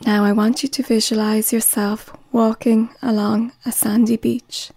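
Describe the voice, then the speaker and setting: Woman, relaxation guide: slow soothing delivery with whispered phrases, mellow and steady in pitch. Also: creaky, no room sound.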